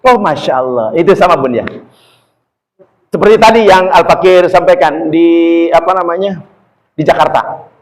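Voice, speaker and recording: Lively high-voiced preacher. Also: male voice, moderate pace, low-quality recording. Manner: chatty, addresses audience as "Bun", quotes Arabic verses. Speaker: Islamic preacher. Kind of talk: religious lecture to women.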